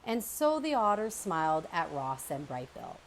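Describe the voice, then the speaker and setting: A woman narrating a children's book aloud in an expressive storytelling manner. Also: low-pitched, moderate pace, a little hiss or hum. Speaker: storybook reader.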